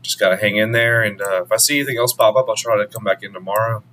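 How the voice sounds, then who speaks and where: A man hosting a crypto channel in casual market commentary, rambling and restarting his sentences, his voice going hoarse. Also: fairly low pitch, fast, sharp tone. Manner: rambling, restarts often, trailing off.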